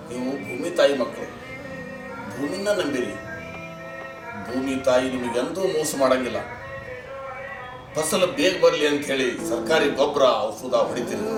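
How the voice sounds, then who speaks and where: A sly middle-aged village fixer, played by a man, lectures in a North Karnataka Kannada accent, patronizing and coaxing by turns. His voice sits a bit high and sounds roomy, picked up from a distance with music running behind. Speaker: influential villager with bank contacts. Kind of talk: village short film acting.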